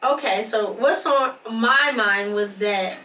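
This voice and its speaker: A woman's voice: fairly high pitch, slow, sharp tone, a little hiss or hum. A twenty-year-old woman co-hosting a podcast, chatting casually and rambling with restarts. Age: 20s. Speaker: podcast co-host. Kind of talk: casual chat. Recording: echoey room, mic at a distance.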